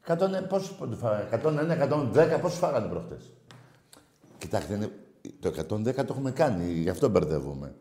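A man's voice: very animated, reverberant. Fiery ranting male call-in host. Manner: impassioned, swings from shouting to low muttering. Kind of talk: heated sports phone-in rant.

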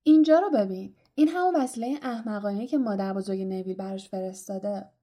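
A woman's voice: mid-range voice, mellow, natural voice. A woman voicing an arrogant, mocking schoolboy bully in an audiobook reading. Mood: taunting. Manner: mocking, taunting.

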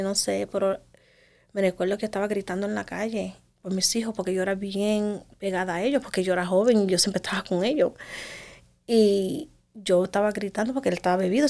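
This voice is a woman giving an emotional testimony in an interview. She talks fast, piling one detail on the next, and her voice often falls to a near whisper. Her pitch sits in the middle range. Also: vocal fry, a little mellow. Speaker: interview guest.

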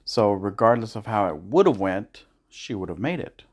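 A man's voice: on the low side, lively intonation, moderate pace, husky. Sarcastic man on a couples podcast. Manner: sarcastic, curses casually. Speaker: podcast co-host. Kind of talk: casual couple chat.

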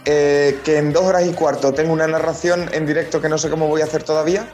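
A man's voice: a little high, flat delivery, quick pace, a little mellow, soft background music. Hungover man co-hosting a podcast. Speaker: podcast co-host. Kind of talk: casual chat over video call.

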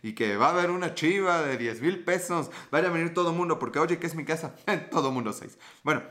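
A man with a Mexican Spanish accent hosts a livestream podcast, chatting casually and reading viewer comments with profane, teasing, flirty banter. His voice is fairly high, a bit bright, and a little fast.

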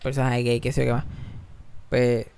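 Podcast co-host, Puerto Rican man, a bit of fry in the voice, lively anecdotes peppered with English. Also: mid-range voice, moderate pace. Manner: animated, mixes English into Spanish, laughs often. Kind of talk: casual storytelling chat.

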